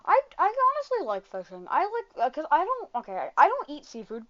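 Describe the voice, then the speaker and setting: A woman hosting a casual podcast, rambling and swearing with quick asides. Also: high-pitched, wildly swooping pitch, bright, forceful tone. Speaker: podcast host. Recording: dull lo-fi sound.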